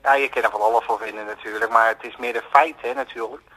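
Bright-toned, rambling male caller. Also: medium pitch, fairly even intonation, quick pace, rough recording. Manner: hesitant, repeats himself, leans on filler words. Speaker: radio caller. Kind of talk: phone-in chat.

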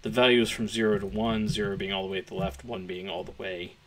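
Man, hoarse gravelly voice, a bit low, chatty coding tutorial, thinking aloud. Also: level tone, quick pace, a bit bright, slight background noise. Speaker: programmer streaming a coding tutorial. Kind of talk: casual live-coding walkthrough. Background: keyboard typing.

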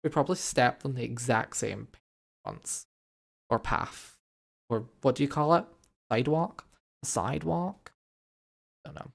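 Chatty gravelly male game streamer. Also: medium pitch, animated, a little slow, pauses often. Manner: chatty, reacting to chat and wrapping up with thanks. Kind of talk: casual live-stream chat with viewers.

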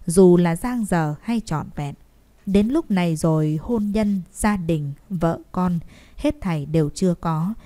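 A woman narrating a romance novel as an audiobook, with emotive, measured storytelling. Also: on the low side, dark tone.

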